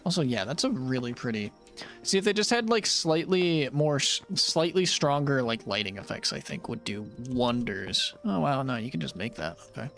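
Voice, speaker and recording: Young male streamer, playful and jokey, pitch swinging a lot, faint music behind. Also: animated, normal speed, a bit bright. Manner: playful, jokey, talks to creatures in game. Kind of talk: casual gameplay commentary.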